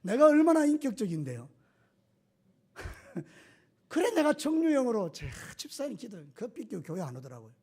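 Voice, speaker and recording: Pastor guy preaching hard, really high voice, keeps asking the crowd questions. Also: huge pitch swings, normal speed, long pauses, a little mellow. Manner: emphatic preaching with rhetorical questions. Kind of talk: sermon.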